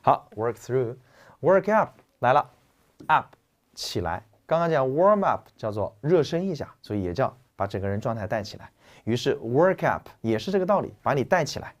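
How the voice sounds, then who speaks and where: A male teacher lectures on English vocabulary at an ordinary middle pitch. He explains with a lively, joking energy and tosses in casual slang to keep students awake. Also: moderate pace.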